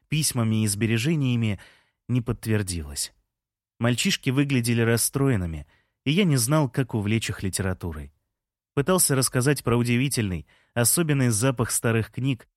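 A man narrating a story in the first person, calm and wry, as in an audiobook. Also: medium pitch, no room sound, studio quality.

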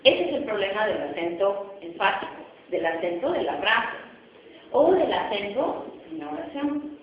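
A woman's voice: mid-range voice, animated, unhurried, a little hiss or hum. Woman lecturing in an echoey classroom. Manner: explanatory, often checks in with "¿no?". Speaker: phonetics professor. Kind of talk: university lecture. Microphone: distant recorder. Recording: echoey, distant, muffled classroom recording.

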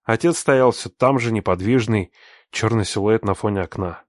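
A man narrating a first-person story in a tense, measured audiobook style. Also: on the low side, no echo, studio quality.

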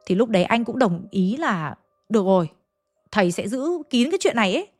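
A woman's voice: mid-range voice, big pitch swings, fairly quick, no echo, soft background music. A woman with a Hanoi accent retelling a ghost story in a chatty, dramatic way, speaking straight to her listeners. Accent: Hanoi Vietnamese.

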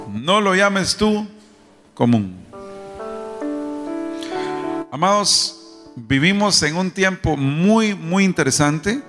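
A man's voice: sits high, a bit bright. Fervent preacher man in a hall. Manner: rhetorical questions and call-and-response with the congregation. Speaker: pastor. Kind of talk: sermon. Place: church service. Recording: long reverb, faint music behind.

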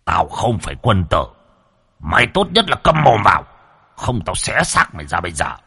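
A man's voice: low voice, wildly swooping pitch, moderate pace, vocal fry, bright, forceful tone, husky, in a large hall, heavily acted. Man doing a harsh threatening demon general. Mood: menacing. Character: menacing male demon general, centuries old.

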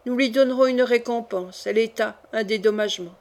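A woman reading the part of a bold, playful young duchess who plots a rescue, in a brisk, teasing, conspiratorial way. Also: a little high, darkish tone, close to an everyday voice. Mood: explaining.

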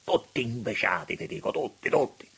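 A man reading an audiobook, voicing a weary, bitter old male government minister in a low, heavy, muttering way. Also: big pitch swings, normal speed, creaky, a bit bright, husky, exaggerated voice. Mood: despairing. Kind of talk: audiobook character voice.

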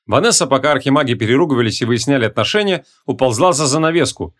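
A male narrator reading a comic fantasy audiobook at a quick clip. His delivery is brisk and wry, with a mid-pitched voice. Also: expressive, fairly bright tone. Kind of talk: scripted narration.

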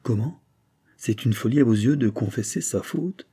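A man's voice: mid-range voice, normal speed, mellow, slightly rough. A man voicing an anguished, guilt-ridden young man.

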